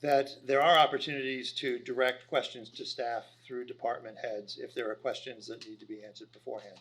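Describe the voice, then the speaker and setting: Gravelly, firm man chairing a council. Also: mid-range voice, steady tone, fairly quick, a bit bright. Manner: firm and formal, asserts procedural control. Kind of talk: formal meeting procedure. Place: city council chamber.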